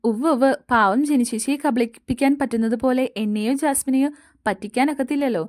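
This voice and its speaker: A woman's voice: sits high, quick pace, darkish tone, no echo, close to an everyday voice. Woman reading an idle older man, teasing, mocking banter, audio story, dry close sound.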